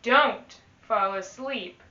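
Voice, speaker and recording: Speaking very slowly and deliberately, this woman, a teaching artist, reads a story to small children in a bright, sharply defined, rather high voice. Her tone is expressive and teacherly, and the recording sounds a bit dull with the echo of a live room.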